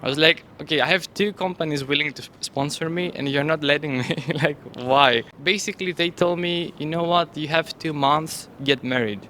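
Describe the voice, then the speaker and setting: A man from Greece, a student, telling his story in an animated, casual interview. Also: fairly high pitch, normal speed, hardly any pauses, a little hiss or hum.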